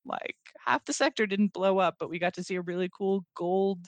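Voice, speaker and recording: This is a podcast co-host in a casual, animated discussion who speaks quickly and acts out quotes along the way. The voice sits at a middling pitch, and the recording is dry and close. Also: no room sound.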